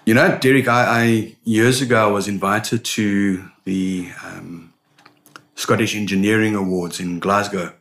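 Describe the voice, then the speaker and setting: Middle-aged man, low voice, animated interview guest, restarts words. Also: measured pace. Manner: animated storyteller, repeats words when starting. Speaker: sales consultant guest. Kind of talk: interview answers.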